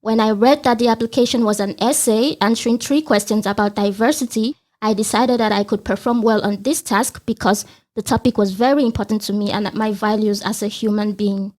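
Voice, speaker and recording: A woman's voice: mid-range voice, fairly even intonation, brisk, hardly any pauses, a little mellow. A young woman from Nigeria, a psychology student co-hosting a podcast, speaking steadily from prepared remarks. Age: young adult. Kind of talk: scripted podcast talk.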